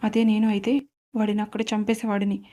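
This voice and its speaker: A woman's voice: medium pitch, completely flat delivery, brisk, dark tone, lightly acted. A woman voicing an arrogant, threatening young man in a read-aloud storybook drama, speaking with menace and mockery. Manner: menacing, mocking.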